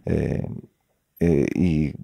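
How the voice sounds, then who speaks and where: Very deep-voiced man, soft coastal Colombian accent. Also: fairly even intonation, very slow, vocal fry, no echo. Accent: faded Colombian Caribbean coastal. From Colombia, Caribbean coast. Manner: thoughtful, hesitant, many "eh" fillers. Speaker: guest author. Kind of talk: reflective interview conversation.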